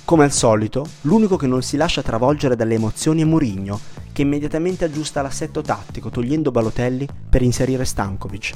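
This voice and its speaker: A man's voice: medium pitch, quick pace, hardly any pauses, darkish tone, soft background music. Italian male narrator, dramatic sports storytelling.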